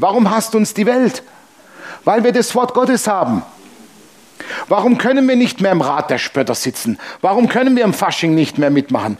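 Male pastor mid-sermon, fervent and wry, addresses the congregation directly, a bit high-pitched. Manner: fervent, joking, speaks straight to listeners.

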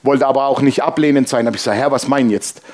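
A man preaching a sermon in a lively storytelling manner, acting out bits of dialogue. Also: medium pitch, quick pace. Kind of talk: sermon with anecdote.

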